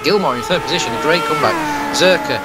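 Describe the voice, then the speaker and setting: A man's voice: on the high side, animated, fast talker, over loud music. A man giving live motorsport race commentary.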